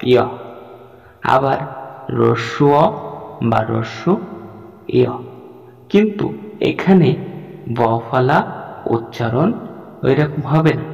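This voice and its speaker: A man's voice: medium pitch, creaky. A man with a Bengali accent teaching Sanskrit pronunciation, breaking words apart syllable by syllable. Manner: slow, syllable-by-syllable spelling out of words. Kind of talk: spoken lesson on recitation. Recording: echoey, dull room recording with soft music.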